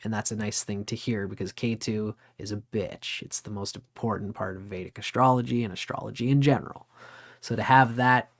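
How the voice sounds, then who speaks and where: A man's voice: fairly low pitch, steady tone, a little fast. A man in his forties giving a casual, rambling talk on astrology, conversational and sometimes swearing. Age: 40s. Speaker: astrology teacher. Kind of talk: casual lecture.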